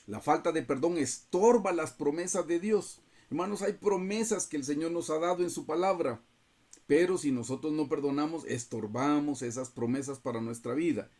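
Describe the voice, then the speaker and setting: Husky man teaching a Bible study. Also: medium pitch, warm tone. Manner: earnest, keeps addressing listeners as brothers. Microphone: video call.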